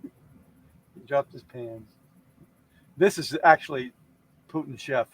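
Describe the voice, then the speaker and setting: A man's voice: medium pitch, slow pace, very noisy. A man co-hosting a casual comedy news chat, joking and teasing. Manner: jokey, plays clips and mimics voices. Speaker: comedian co-host.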